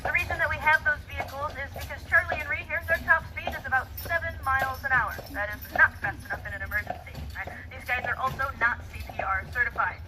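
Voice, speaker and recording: Female tour guide, high register, scripted sightseeing narration with dry humor, recorded on an outdoor horse-drawn carriage. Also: steady tone, fast talker, few pauses, noisy background. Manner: wry, playful. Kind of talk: rehearsed tour narration with deadpan jokes. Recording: outdoors on a horse carriage, clip-clop behind.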